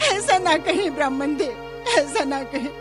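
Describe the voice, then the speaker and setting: A woman's voice: high voice, lively intonation, measured pace, over music. A woman playing a tearful, pleading mother. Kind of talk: street play acting.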